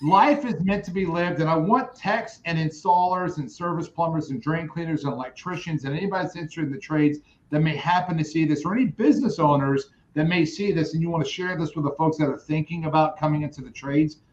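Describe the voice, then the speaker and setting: This podcast guest talks fast in a high-ish voice, barely pausing as he rambles through stories and keeps interrupting himself in casual conversation. He's on a remote call, so the audio sounds echoey and muffled, with slight background noise.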